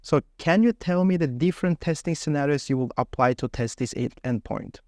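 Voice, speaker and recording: Creaky-voiced man conducting an interview. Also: on the high side, fairly quick, a little mellow, dry recording, studio quality. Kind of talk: mock technical interview questioning.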